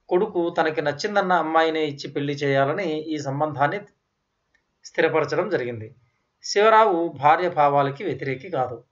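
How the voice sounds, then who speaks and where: Guy reading a story out loud, steady and measured, kinda muffled recording. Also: on the high side. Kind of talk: scripted story narration. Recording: slightly dull, lo-fi audio.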